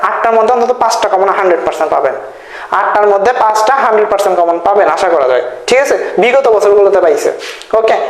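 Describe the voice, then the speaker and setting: A high-pitched man tutors students for their exams. He repeats himself often and breaks words into slow syllables, and the recording carries a noticeable room echo. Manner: repetitive, checks in with "thik ache?"; spells words out slowly syllable by syllable. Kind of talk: exam-prep lesson. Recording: echoey room.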